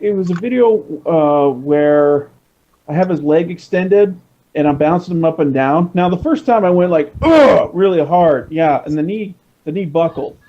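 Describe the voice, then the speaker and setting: A man with a somewhat raised voice rambles excitably through casual podcast chat, stopping and restarting his sentences as he goes. The sound is a little dull and lo-fi. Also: on the high side. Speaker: podcast co-host.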